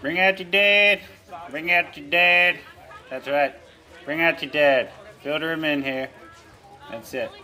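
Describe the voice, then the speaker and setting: High-pitched droning street crier. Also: male voice, measured pace, pauses often, bright, forceful tone. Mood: calling out. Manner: repetitive calling-out. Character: droning street crier collecting the dead with a cart. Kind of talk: comic parody voice-over.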